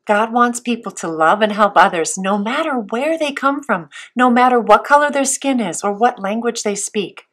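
With a fairly high, expressive, fairly bright voice, a woman leads a Sunday school Bible lesson for young children. She is sweet and patient, posing simple questions with pauses between them.

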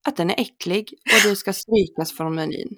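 A woman's voice: fairly low pitch, fairly bright tone. A woman in casual chat, earnest and reflective, acting out exchanges as dialogue.

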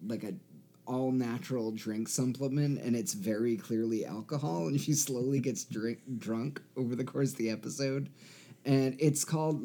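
A man with a mellow, dark voice chats casually as a podcast co-host. He sounds easygoing, laughs easily, and pauses often on fillers as he talks. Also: medium pitch. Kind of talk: casual chat.

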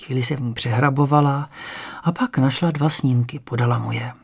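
A man calmly reading a memoir-style story aloud as an audiobook narrator. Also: medium pitch, gravelly, breathy edge.

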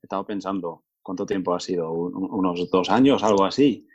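A young man from England, a native English speaker who learned Spain Spanish, has a Spain-Spanish accent as he chats casually as a guest. His voice is deep and brisk with a breathy edge, and he rambles easily, often restarting and correcting himself. The recording is muffled.

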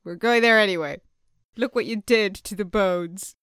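A woman's voice: medium pitch, normal speed, a bit bright, clear, resonant tone, dry recording, clean studio sound. A woman playing a tabletop game, chatting casually and teasing the others. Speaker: player.

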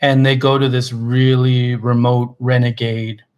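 Relaxed male podcast co-host. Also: medium pitch, a little slow, muffled recording. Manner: relaxed, many fillers and restarts, enthusiastic recommendations. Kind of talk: casual chat.

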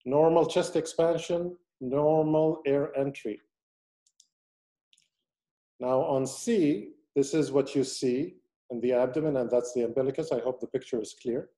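A man delivers an online medical lecture as a surgeon, working methodically through each point. His voice is mellow and warm, at an ordinary pitch, and he stops now and then to take questions from his audience. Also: a little slow.

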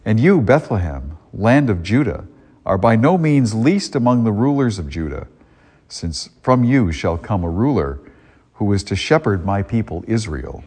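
A man's voice: on the low side, big pitch swings, normal speed, darkish tone, breathy edge. A man, a priest, reads the gospel and then preaches in a conversational way, often restarting his sentences, with a cathedral-like echo around him. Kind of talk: gospel reading and homily. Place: church. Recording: long church reverb.

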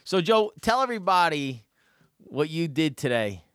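Man, casual co-host chat, emphatic, jokey, slightly high voice, dry close sound. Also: big pitch swings, moderate pace, fairly bright tone, smooth, dry recording. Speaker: podcast co-host.

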